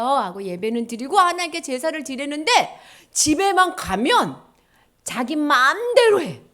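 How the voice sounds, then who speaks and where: A woman preacher giving a children's sermon, animated storytelling in simple words, asking the listeners questions. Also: fairly high pitch.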